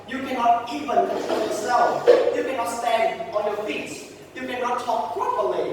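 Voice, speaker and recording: A young man with a Vietnamese accent giving an explanatory student thesis presentation. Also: very high voice. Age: young adult. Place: large echoing room indoors. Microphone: distant room microphone. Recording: very echoey hall, distant mic, faint noise.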